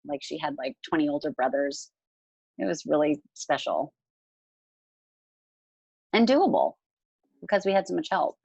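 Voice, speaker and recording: A woman's voice: deep voice, a little fast, creaky, a little mellow, husky, no echo, dull audio. A woman in her forties, a musical theatre actress, chatting casually over a video call and rambling with lots of fillers. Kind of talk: casual Q&A chat.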